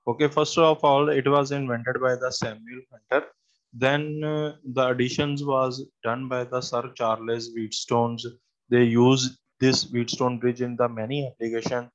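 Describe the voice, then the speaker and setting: A male lecturer with a North Indian accent teaches an online class. His delivery is halting, at a middling pitch. The call audio is dull and lo-fi. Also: little pitch movement. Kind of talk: live online engineering lecture.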